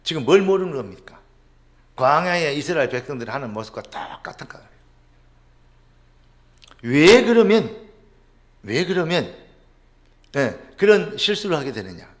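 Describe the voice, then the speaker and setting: High animated Korean preacher man. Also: brisk. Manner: rhetorical questions, sudden drops to a low murmur. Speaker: pastor. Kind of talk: sermon.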